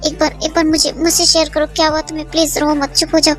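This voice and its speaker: A young performer voicing a worried young man who keeps begging his crying partner to calm down. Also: high voice, quick pace, soft background music. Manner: soothing, repetitive, worried. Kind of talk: Hindi fan dub drama.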